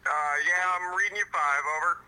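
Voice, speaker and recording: A man's voice: sits high, fairly quick. A man speaking through a walkie-talkie app in short, terse radio procedure talk. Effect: heard over a walkie-talkie app. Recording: tinny, distant radio playback with faint noise.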